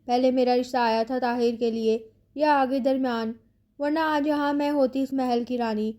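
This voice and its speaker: A woman's voice: high-pitched, fairly even intonation, mellow, lightly acted. A woman reading the lines of a scheming, bitter middle-aged aunt in a romance storybook, spiteful and falsely sweet.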